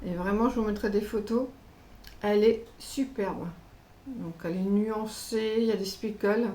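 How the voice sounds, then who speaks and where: A chatty woman with a French accent presents her latest craft parcels in a relaxed, hesitant way, often pausing to search for words. Her voice sits at an ordinary middle pitch, with a faint hum of room noise underneath. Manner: chatty, hesitant, lots of fillers. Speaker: craft channel host. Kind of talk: casual unboxing vlog.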